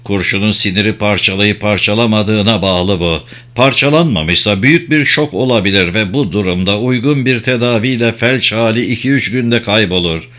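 A man voicing a calm female doctor explaining an injury in clinical terms. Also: lowish voice, normal speed, hardly any pauses, natural voice.

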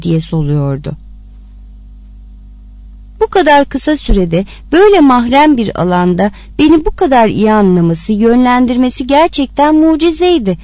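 A woman reading a story aloud with expressive narration. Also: on the high side, no echo. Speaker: reader.

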